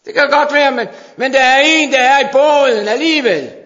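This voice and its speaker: A man preaching a fervent sermon to his congregation, sometimes dropping to hushed intensity. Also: extremely high pitch. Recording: dull sound in a long-reverb hall.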